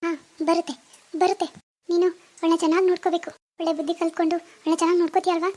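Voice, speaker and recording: Woman as a gentle ghost big sister, very high voice, earnest reassuring repeats, village drama. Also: little pitch movement, rapid-fire. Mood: tender. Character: ghost elder sister, tender and protective.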